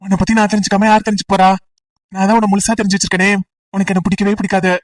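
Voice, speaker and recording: A woman's voice: mid-range voice, flat delivery, very fast, far from the mic, close to an everyday voice, rough recording. A woman voicing a teasing, persistent young male college student in an amateur audio drama, talking in a playful, coaxing way.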